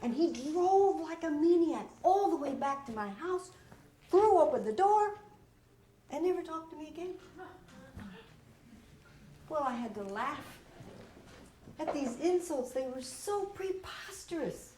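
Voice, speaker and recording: A woman in her sixties tells her own story in a one-woman stage show, her pitch leaping lively from line to line. She takes her time and lets each phrase land, with wry expression. The sound is roomy, from a live theater with a faint hiss behind her. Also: unhurried, long pauses. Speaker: solo stage performer.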